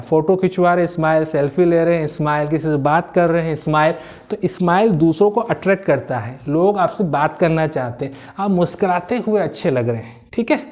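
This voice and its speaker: A man's voice: sits high, a little mellow. A man giving a motivational lesson on communication skills. He explains step by step with everyday examples, repeats key words for emphasis and mixes English phrases into his talk.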